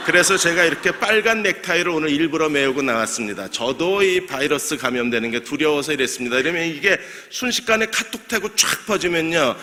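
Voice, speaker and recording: A man with a slightly high voice and a sharp tone talks a little fast and animatedly, with few pauses. He's a pastor giving a midweek sermon in a church sanctuary, posing questions to his congregation, answering them himself, and joking and laughing lightly with them. A long church-hall reverb fills the recording.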